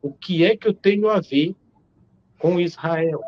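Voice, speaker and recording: A man's voice: sits high, a little slow, dull audio. A Brazilian man in his forties, a theologian on a live-stream video call, arguing emphatically and asking rhetorical questions. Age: 40s. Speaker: theologian guest.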